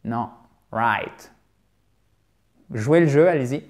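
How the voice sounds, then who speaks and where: A man teaching English pronunciation in a video lesson, lively and repeating words to drill them. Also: a little high, moderate pace.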